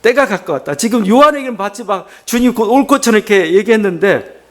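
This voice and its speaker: Male pastor, sermon, high voice, very lively pitch, rhetorical questions, paraphrased dialogue. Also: quick pace. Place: church service.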